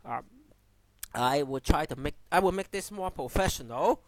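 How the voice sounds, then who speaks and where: A man from Hong Kong, a native Cantonese speaker with a heavy Cantonese accent, gives unscripted commentary haltingly, often repeating and restarting phrases. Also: fairly high pitch, animated, background noise. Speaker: amateur YouTube commentator.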